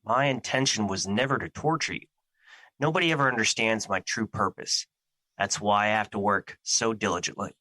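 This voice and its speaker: A man's voice: fairly low pitch, moderate pace, bright, forceful tone, dry recording, poor audio. A man playing Fear as an ancient, solemn and anxious being, speaking formally and theatrically in an audio drama. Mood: regretful, earnest.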